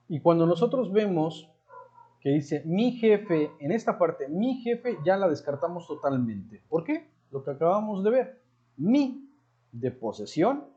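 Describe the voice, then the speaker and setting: Slow, dark-voiced Mexican male teacher. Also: a little high. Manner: slow, explanatory, repeats words while thinking. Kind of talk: online grammar lecture. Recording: dull lo-fi audio.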